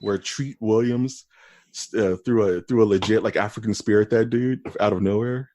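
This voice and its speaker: A man co-hosting a podcast in casual, rambling chat, with a deep, bassy voice. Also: fairly even intonation, normal speed, dark tone, a little hiss or hum. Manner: laid-back, rambling, calls his friend dude and dog. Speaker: podcast co-host.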